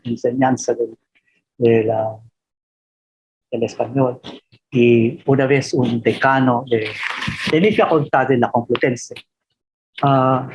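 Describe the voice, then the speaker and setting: A professor from the Philippines gives an informal lecture, telling anecdotes in a halting, self-deprecating manner. His mid-range voice is husky with a darkish tone, and the recording quality is low.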